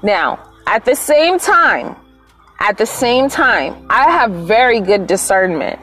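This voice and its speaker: A young woman, hosting a podcast and telling a personal story in a candid, profane, animated way. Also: medium pitch, slow pace, faint music behind. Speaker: podcast host. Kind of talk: casual storytelling monologue.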